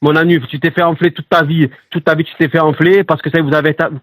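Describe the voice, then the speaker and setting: A man's voice: a little high, little pitch movement, quick pace, a bit bright, no echo. A man from Marseille with a Marseille accent, angrily arguing on a phone call, hurling insults and repeating himself over and over. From Marseille, France. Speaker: prank call target. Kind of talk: heated phone argument.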